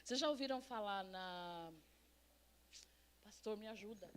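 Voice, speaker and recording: A woman's voice: medium pitch, measured pace, clear, resonant tone. A middle-aged woman with a Brazilian accent, a pastor giving a chatty sermon and quizzing her congregation directly. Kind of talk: conversational sermon. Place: church sanctuary.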